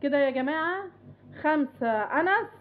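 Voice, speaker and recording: A woman's voice: high voice, expressive, normal speed, narrow, tinny audio, slight background noise. A woman with an Egyptian Arabic accent, a mother hosting a family vlog and running a game with children, coaxing and cheerful, often laughing as she urges them on.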